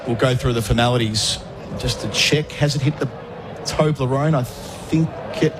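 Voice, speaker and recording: A man's voice: mid-range voice, normal speed. A man giving live ball-by-ball cricket commentary, conversational and putting questions to his co-commentators. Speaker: cricket commentator, lead caller. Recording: steady outdoor ambient noise.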